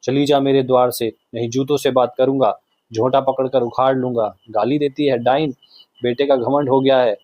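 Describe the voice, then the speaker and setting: A man's voice: mid-range voice, steady tone, normal speed, dark tone, no echo, highs cut off, close to an everyday voice. A man voicing a resentful young village man who threatens and hurls abuse, in a storybook reading.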